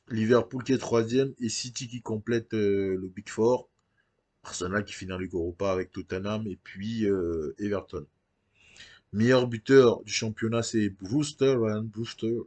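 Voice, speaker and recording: A man's voice: medium pitch, a little mellow. A man hosting his gaming channel, chatting casually over a football management game and thinking aloud with frequent hesitations.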